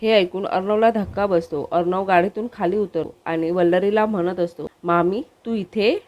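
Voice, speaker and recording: A woman narrating a scripted plot recap of a television serial in a steady, even reading voice. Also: fairly low pitch, normal speed, highs cut off.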